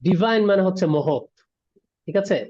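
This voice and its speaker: A man's voice: high voice, animated, normal speed, dark tone. A man teaching English in an online class, explaining word meanings and checking in with students after each point. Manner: explains word by word, mixing English terms, asks "ঠিক আছে?". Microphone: video call. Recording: dull lo-fi online class audio.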